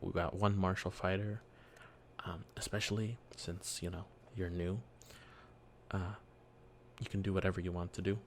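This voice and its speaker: A soft-spoken man as a dungeon master in a whispered role-play, explaining gently and patiently with many fillers, speaking quietly at home. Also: sits low, little pitch movement, moderate pace, slight background noise. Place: quiet home early morning.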